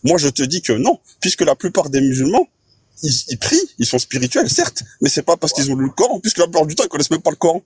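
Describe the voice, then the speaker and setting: A man with a husky, mid-pitched voice who talks quickly and earnestly, laying out his argument step by step. He keeps checking whether his listener follows, recorded dry and close. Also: sing-song, darkish tone, no room sound. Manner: earnest, explanatory, asks "you see what I mean". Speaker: caller in a live debate. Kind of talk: live-stream debate.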